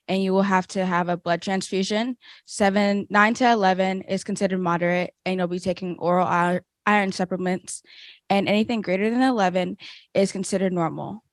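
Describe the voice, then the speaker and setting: A teenage girl from Georgia reads her part of a student presentation. She goes through lists plainly at a middle pitch. The sound is dry and close. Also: no room sound. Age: teens. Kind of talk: group presentation.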